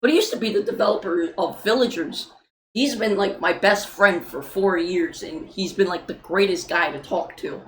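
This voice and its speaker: A woman's voice: lowish voice, normal speed, slight background noise, rough recording. A young woman, an indie game developer, chatting loosely in a livestream Q&A with many fillers and casual swearing.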